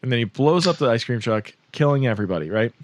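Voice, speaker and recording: A man's voice: mid-range voice, animated, quick pace, no room sound. A man on a podcast, casually recapping a film plot with lots of fillers and laughter. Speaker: podcast host or guest.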